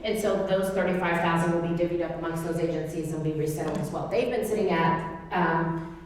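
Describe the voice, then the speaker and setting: Her voice is on the low side, steady in tone, and fairly quick. Born a Turkish speaker, she's from Tulsa and speaks with an Oklahoma accent, chatting informally and answering questions at length as a church class guest. The echoey hall gives long reverb.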